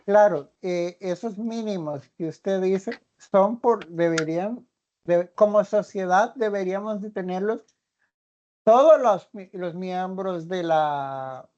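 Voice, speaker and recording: A woman's voice: medium pitch, takes it slowly, warm tone, dull audio. A woman student who works as a regional adviser, adding her view in an online class with hesitant restarts as she thinks aloud.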